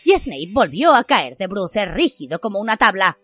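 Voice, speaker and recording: Woman narrating an audiobook, lively pitch, dry close sound, bit of music behind. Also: normal speed, husky, dry recording. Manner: expressive storytelling. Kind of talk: scripted fiction narration.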